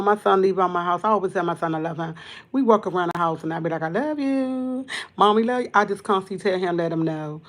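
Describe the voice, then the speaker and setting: A tearful woman hosts a livestream, speaking straight to a camera. Her talk is halting and earnest; she repeats her words and circles back as she fights back tears. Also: on the low side. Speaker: livestream host. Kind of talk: emotional livestream monologue.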